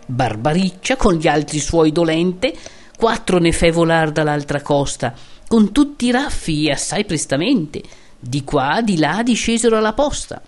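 A woman giving a measured, expressive recitation of old epic poetry. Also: low-pitched, soft background music.

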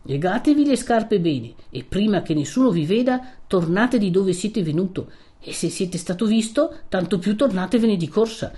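A woman's voice: fairly low pitch, animated, moderate pace, dark tone, close to an everyday voice. A woman voicing a timid, fussy old male village priest who anxiously scolds a young man. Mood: fretful.

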